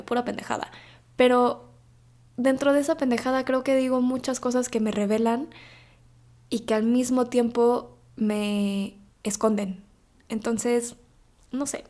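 A woman's voice: medium pitch, darkish tone. A young woman with a Mexican accent in her twenties, speaking an intimate, emotional personal monologue on her podcast. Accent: Mexican Spanish. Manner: emotional, confessional, teary at times. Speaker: podcast host.

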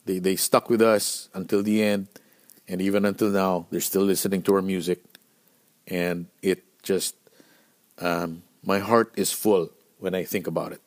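A man's voice: low voice, normal speed. Profane man telling road stories. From Philippines. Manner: profane, animated storytelling with many fillers and restarts. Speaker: podcast host. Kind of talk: casual storytelling podcast.

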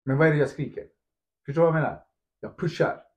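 A man's voice: fairly high pitch, dull audio. A man talking as a podcast co-host and football coach in casual chat, acting out quotes and tossing in English phrases. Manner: animated, acts out quotes, mixes in English phrases; asks "förstår du?" often.

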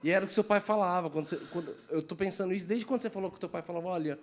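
A man's voice: high voice, racing, slight background noise. A man with a Brazilian accent, a podcast host talking casually in a slangy, rambling way. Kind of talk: casual chat.

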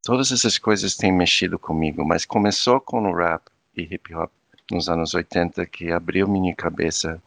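Guest, 50s man, low gravelly voice, dry sound. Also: moderate pace, a bit bright, no room sound. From United States. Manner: thoughtful, searching for words. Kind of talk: reflective interview talk.

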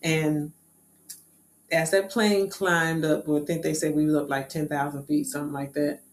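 A woman casually telling a personal story in a lively, animated way, with quick asides. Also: deep voice. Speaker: speaker sharing a personal story. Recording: echoey room with faint music.

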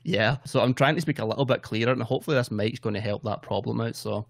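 A man's voice: medium pitch, fast, creaky, no echo, studio quality. A Scottish man chatting casually in a self-deprecating way. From Scotland. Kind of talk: casual chat.

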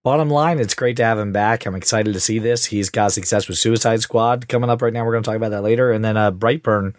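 A man with a gravelly, hoarse, sick-sounding voice, chatting casually as a podcast co-host. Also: lowish voice, fast talker, no echo, studio quality. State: sick with a cold, voice worn out. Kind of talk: casual chat.

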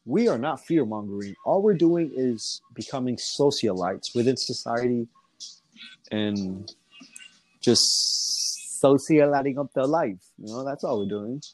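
A man chatting loosely on a podcast in a mid-pitched voice. He rambles, circles back with fillers and restarts, and swears freely. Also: animated, unhurried. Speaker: guest rapper. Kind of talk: casual podcast chat.

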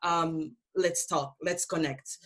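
A woman's voice: low-pitched, steady tone, slow, fairly bright tone, poor audio. A woman from Algeria hosting a podcast interview, enthusiastic and chatty, laughing often. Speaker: podcast host. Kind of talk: casual interview chat.

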